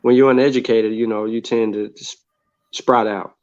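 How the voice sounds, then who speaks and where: An American man in an informal live debate, speaking in a halting, dismissive and taunting way. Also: fairly low pitch, level tone, a little mellow. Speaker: debate panelist. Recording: dull lo-fi online audio.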